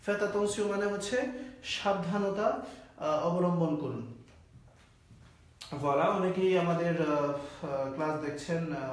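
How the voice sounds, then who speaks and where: A man's voice: fairly high pitch, heavy reverb, recorded from a distance. A man teaching French in a live online class, explaining pronunciation step by step and often saying "voilà".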